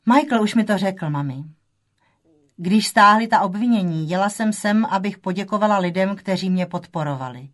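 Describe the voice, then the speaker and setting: A woman's voice: mid-range voice, animated, natural voice. A woman voicing a grown daughter who confesses in a hesitant, trembling way in an audiobook. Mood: tense. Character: adult daughter, shaken and confessing.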